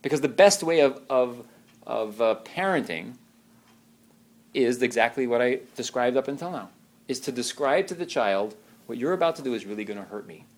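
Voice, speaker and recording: A man giving an informal religious talk, animated and given to restarts, acting out the voices he quotes. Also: a little high.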